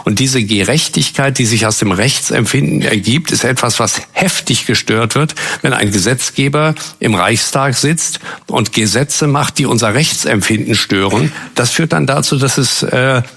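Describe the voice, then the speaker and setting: Husky man explaining law. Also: medium pitch, moderate pace, hardly any pauses, fairly bright tone. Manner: explanatory, lecturing. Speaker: panel guest on law. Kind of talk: panel discussion before an audience.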